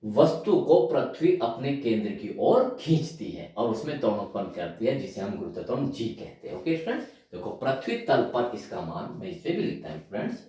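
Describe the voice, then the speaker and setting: A man teaching physics in a lively classroom lecture. His pitch rises and falls widely as he keeps calling out to his students and repeats terms while writing them up. The voice sits far from the mic in a room with a heavy echo. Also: a little fast, few pauses.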